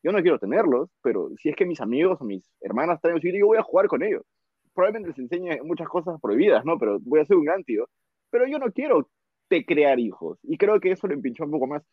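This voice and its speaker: A man telling jokey anecdotes in casual chat, animated and playful, acting out the voices of people he quotes. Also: on the high side, fast talker, breathy edge, dry recording. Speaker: guest storyteller. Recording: tinny phone-like sound.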